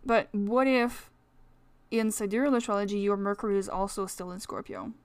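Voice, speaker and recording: A woman's voice: mid-range voice, normal speed, clean tone, no room sound. A woman with a French accent hosting a casual solo podcast, talking in a rambling, chatty way full of fillers. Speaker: astrology podcast host.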